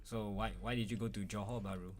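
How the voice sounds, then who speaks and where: A man's voice: lowish voice, fairly even intonation, fast. A young man co-hosting a student radio show, asking questions in a friendly way with plenty of fillers. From Malaysia. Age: young adult. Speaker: radio co-host. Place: campus radio studio.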